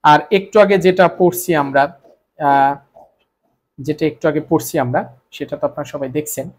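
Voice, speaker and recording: A man's voice: on the high side, moderate pace. Man teaching, asks then answers himself. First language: Bengali. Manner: repetitive, asks and answers own questions. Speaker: Korean language teacher. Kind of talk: explaining grammar rules to students.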